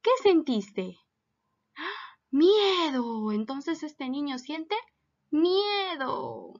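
A woman's voice: sits high, expressive, very slow, muffled recording. A woman teacher giving a recorded lesson for children, patiently asking them many questions.

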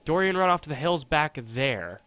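A young man giving casual gameplay commentary, chatty and thinking aloud, with excitable reactions. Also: on the high side, moderate pace, smooth. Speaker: let's play host. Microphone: desktop USB condenser mic.

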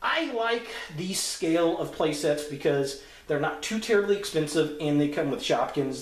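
Chatty man reviewing toys, roomy echo. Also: fairly high pitch. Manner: relaxed, rambling with many fillers. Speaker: toy review host. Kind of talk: casual toy review. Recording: echoey room.

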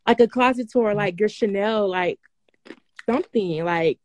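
A woman calling in as an excited fan, gushing and bubbly, piling on "like" as she talks fast over the phone. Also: medium pitch, no echo. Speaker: fan caller on live stream. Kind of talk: excited casual chat.

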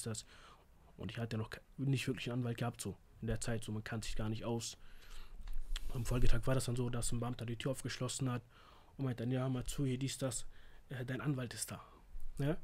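A young man with telling a real-life story in a casual, animated way, acting out the lines of the people in it. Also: medium pitch. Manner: slangy, animated, acts out quoted lines.

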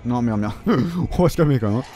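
A young man giving joking, foul-mouthed commentary while playing a video game, often shouting at enemies. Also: mid-range voice, expressive, fast talker, a little hiss or hum. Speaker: gaming video host. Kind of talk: casual let's-play commentary.

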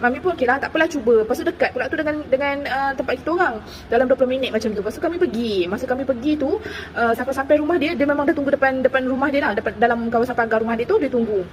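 Fast-talking, high-voiced woman telling a story. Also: poor audio. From Terengganu, Malaysia. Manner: animated, chatty, full of fillers. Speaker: woman sharing a personal experience. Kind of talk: casual storytelling to viewers.

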